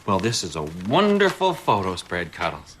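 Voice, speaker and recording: A man's voice: mid-range voice, very animated, moderate pace, fairly bright tone, slight background noise. A man playing a hapless, flustered social worker in a comedy series, often exasperated. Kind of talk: sitcom acting.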